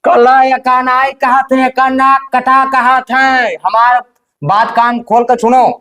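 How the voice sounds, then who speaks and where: A man's voice: very high voice, flat delivery, slow, pushed and bright, clear, resonant tone, full character voice. A man plays an exasperated young village man with an Awadhi accent in a rustic comedy skit. He grumbles and scolds his family over the farm work. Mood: grumbling. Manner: grumbling, scolding dialect speech.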